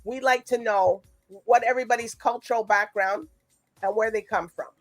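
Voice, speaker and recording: A woman with a fairly high voice hosts a casual chat show. She talks in a rambling, chatty way and is easily amused, with music in the recording. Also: steady tone, moderate pace. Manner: chatty, rambling, laughs often. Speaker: show host.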